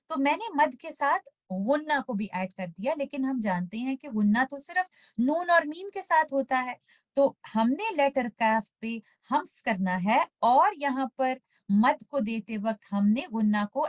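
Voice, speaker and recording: A woman with an Urdu accent teaching Tajweed, patiently explaining each rule and then slowly reciting the example words. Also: sits high, lively intonation. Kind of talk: step-by-step recitation lesson.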